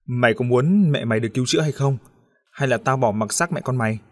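A man reads as a scheming middle-aged father in an audio novel, his voice pitched at an ordinary male middle. He sweet-talks and wheedles, with a low threat never far off. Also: normal speed, close to an everyday voice. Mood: threatening. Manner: coaxing and wheedling, turning to harsh threats.

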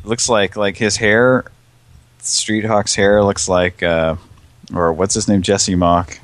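Casting: low-voiced male host, loose rambling chat with swearing, dry close sound. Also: little pitch movement, slow, fairly bright tone, no echo. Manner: rambling, lots of fillers and swearing. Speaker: podcast host. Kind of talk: casual chat.

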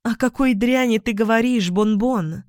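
A woman's voice: a little high, moderate pace, no room sound, clean studio sound, pitched above the performer's own voice, close to an everyday voice. A woman voicing a scornful possessed young woman. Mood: furious, scornful. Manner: scornful, shifting to sugary flattery. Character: young woman possessed by a demon, haughty and cruel.

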